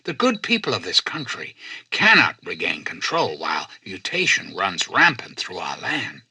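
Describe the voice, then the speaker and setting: A male actor playing a self-styled president in a video game, a calculating artificial intelligence who speaks in formal, measured, persuasive oratory. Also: low voice, wildly swooping pitch, bright, forceful tone, husky, no room sound, heavily acted. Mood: grave, zealous. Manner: grandiose, measured, courteous, persuasive. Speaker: president addressing personnel and listeners.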